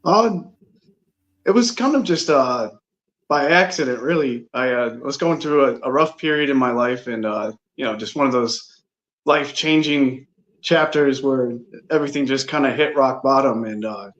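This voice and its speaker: A man telling his story as an interview guest in a casual, halting, rambling way. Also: medium pitch, a bit bright. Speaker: interview guest, travel blogger. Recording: slightly dull, lo-fi sound.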